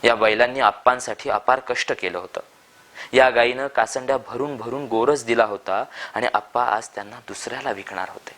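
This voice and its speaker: Man calmly reading a story aloud. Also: medium pitch, moderate pace.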